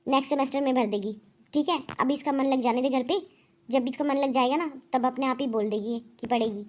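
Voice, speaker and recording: A woman voicing a kindly, patient mother-in-law in a cartoon, gentle and reassuring. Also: high-pitched, quick pace. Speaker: cartoon voice actor. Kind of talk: cartoon voice acting.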